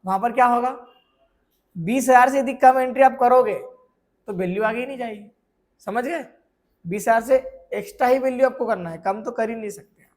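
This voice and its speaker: A man teaching a software course, explaining with everyday examples and often asking whether students have understood. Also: extremely high pitch, normal speed, pauses often. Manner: keeps checking if students follow; asks rhetorical questions and answers them. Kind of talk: screen tutorial lesson.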